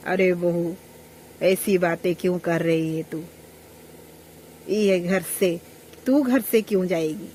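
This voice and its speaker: A woman's voice: on the low side, slow pace, long pauses, dark tone, slight background noise, rough recording. A woman voicing a partial, bossy mother-in-law who scolds one daughter-in-law and dotes on the other. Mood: coaxing.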